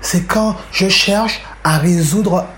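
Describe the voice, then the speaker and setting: A woman playing a curious, cheeky little schoolboy with deliberate childlike phrasing in a scripted educational radio dialogue. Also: on the low side, slight background noise.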